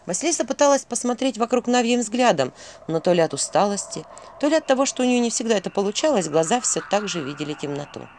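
A narrator reading a fairy tale audiobook in an expressive storytelling manner. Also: medium pitch, fast, a little hiss or hum.

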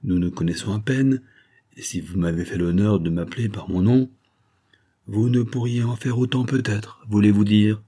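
A courteous young nobleman, earnest and a touch agitated, as a male audiobook reader puts him on. The voice sits slightly higher than the reader's own dark, husky tone. The delivery stays polite and formal throughout. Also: moderate pace. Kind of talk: audiobook character reading.

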